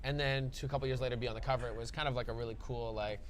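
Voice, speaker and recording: A man, a stand-up comedian, chatting casually in an interview, playful and quick to joke. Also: mid-range voice, fairly even intonation.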